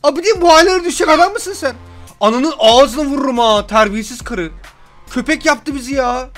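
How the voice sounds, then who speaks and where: A young man commentating a game he is playing, excitable, joking and yelling at what happens on screen. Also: extremely high pitch, fairly quick, soft background music. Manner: excitable, yells and jokes at the game. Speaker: gameplay commentator. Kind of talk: gameplay commentary.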